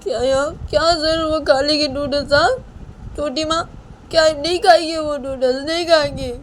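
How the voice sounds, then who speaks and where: A woman voicing a tearful young woman who cries and wails in high, drawn-out lines. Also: slight background noise, lightly acted. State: crying.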